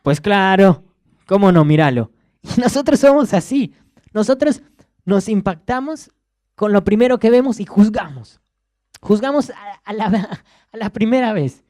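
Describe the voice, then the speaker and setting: A man's voice: sits high, expressive, moderate pace, warm tone, no echo, clean studio sound. A young man in his twenties with a Rioplatense accent, preaching a sermon in a conversational way and often repeating words as he searches for the next one. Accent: Rioplatense Spanish. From Argentina.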